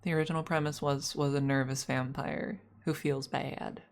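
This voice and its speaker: A young adult woman streaming, chatting casually and thinking out loud as she plans a role-play with her chat, laughing often and swearing freely. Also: very deep voice, flat delivery, normal speed, a little hiss or hum. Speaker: ASMR streamer.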